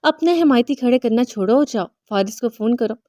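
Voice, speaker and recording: A woman reading the lines of a brisk middle-aged mother-in-law scolding her daughter-in-law. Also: a little high, animated, warm tone, no echo, studio quality, lightly acted. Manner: scolding, bossy.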